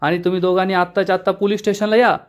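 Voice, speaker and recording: Guy doing a bossy cop on the phone, curt and quick, scolding. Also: sits high, level tone, smooth, pitched above the performer's own voice, natural voice. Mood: brusque. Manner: brusque, rapid. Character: bossy middle-aged police constable.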